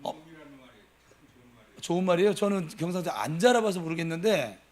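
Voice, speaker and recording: A middle-aged man from Gimcheon, preaching a sermon at a Wednesday prayer service, swinging between loud emphasis and soft asides as he talks with the congregation. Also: high-pitched, expressive, moderate pace. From Gimcheon, Gyeongsang province. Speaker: pastor.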